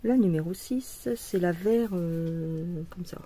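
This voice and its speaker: A French woman vlogging her bead embroidery, singing along softly and chatting in asides. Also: lowish voice, takes it slowly, breathy edge. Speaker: craft vlogger. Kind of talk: casual chat while bead embroidering.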